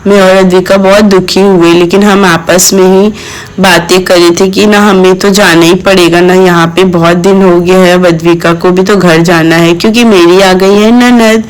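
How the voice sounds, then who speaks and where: A woman's voice: on the low side, fairly even intonation, moderate pace, low-quality recording. Chatty woman vlogger narrating family visit. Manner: keeps addressing viewers directly, emotional and fond. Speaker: vlogger and mother. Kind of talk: chatty family vlog voice-over.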